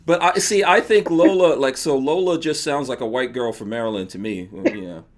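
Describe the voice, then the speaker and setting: A man with a New York accent hosts a livestreamed podcast, talking briskly in a medium-pitched voice. He chats casually in a loose, joking way and laughs often.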